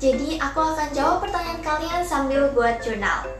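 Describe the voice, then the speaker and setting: A woman's voice: high voice, normal speed. A teenage girl from Central Java, Indonesia, chatting to her viewers in a friendly Q&A while she journals. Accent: Central Javanese Indonesian. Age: teens. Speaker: journaling YouTuber. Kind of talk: casual Q&A voice-over while journaling. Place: bright room with shelves of stationery. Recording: voice over background music.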